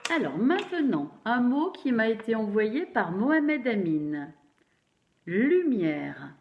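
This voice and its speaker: A woman teacher giving a phonics lesson to young children, slowly spelling out syllables and praising them. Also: a little high, sing-song. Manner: slow, encouraging, syllable by syllable. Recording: roomy, dull lo-fi sound.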